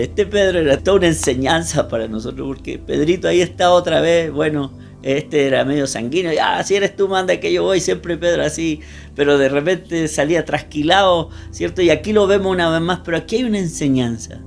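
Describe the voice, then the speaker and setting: Male pastor, higher-pitched, emphatic sermon delivery, speaks directly to listeners, light music bed. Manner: emphatic preaching, often addresses listeners directly.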